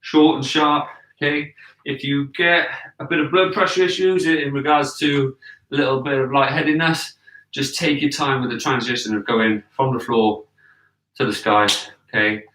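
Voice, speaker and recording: Fitness guy explaining stuff casually, keeps checking in, sharp bright voice, echoey living room. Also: mid-range voice, steady tone, moderate pace, a little hiss or hum. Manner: encouraging, checks in with "okay?" and "all right?". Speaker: fitness coach leading a home workout. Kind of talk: casual explanatory workout instruction. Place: living room with wooden floor, indoors. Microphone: camera a few metres away. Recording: echoey room, distant from the mic.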